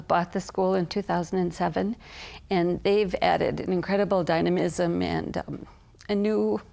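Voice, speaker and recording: Gravelly woman promoting her school. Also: lowish voice. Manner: warm, with hesitant fillers. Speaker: massage school staff. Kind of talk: promotional interview.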